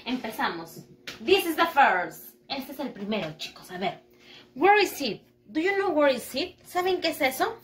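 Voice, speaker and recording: A woman teaching English to young children in a bilingual lesson, speaking slowly and patiently, drawing out each word and praising often. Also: high-pitched, reverberant. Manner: slow, patient, exaggerated pronunciation with frequent praise. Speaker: primary school English teacher.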